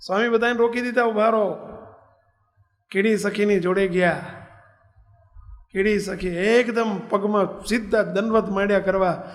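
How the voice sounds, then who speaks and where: A man's voice: high-pitched, normal speed. A male preacher telling a story in a sermon, asking rhetorical questions of his listeners. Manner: animated, rhetorical questions to the audience. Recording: long hall reverb.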